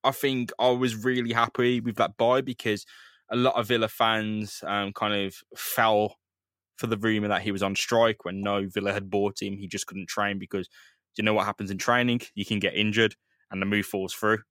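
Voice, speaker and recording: A man's voice: lowish voice, little pitch movement, normal speed, fairly bright tone, no echo, clean studio sound. A man co-hosting a football podcast, chatting casually and teasing his co-hosts. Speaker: podcast co-host.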